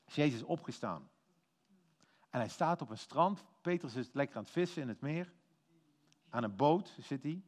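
A man giving a lively, informal sermon, telling a story with acted-out quotes and quick self-corrections. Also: on the high side. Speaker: preacher.

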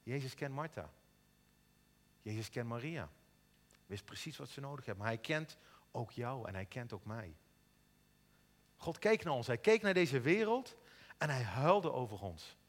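Male preacher, sermon, earnest, stumbles on repeated words, lively pitch, long hall reverb. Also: a little slow, pauses often. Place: church in Eindhoven.

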